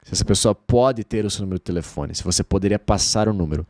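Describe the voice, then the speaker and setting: Man, low voice, native Portuguese speaker teaching English, slow and drawn-out, dry close sound. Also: a little mellow, dry recording. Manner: slow, drawn-out model words repeated for learners. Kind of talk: online English lesson.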